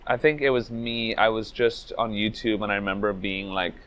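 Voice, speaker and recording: A man's voice: lowish voice, level tone, moderate pace, a bit bright. A man, telling his life story in a casual interview, loose and reflective with lots of "like" and "you know". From Venezuela, raised in Trinidad. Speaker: speedrunner interviewee.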